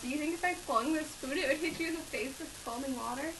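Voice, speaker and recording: A woman's voice: high voice, quick pace, very noisy. A teenage girl co-hosting a silly homemade cooking video, bubbly and teasing, recorded on a laptop webcam in a home kitchen. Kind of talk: playful casual chat. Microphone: laptop webcam mic.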